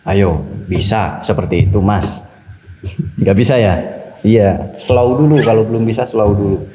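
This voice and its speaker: Mellow-voiced man giving animated religious talk. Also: on the low side, unhurried, slight background noise, low-quality recording. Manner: animated, preachy, repeats key phrases; acts out quoted voices. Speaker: spiritual teacher.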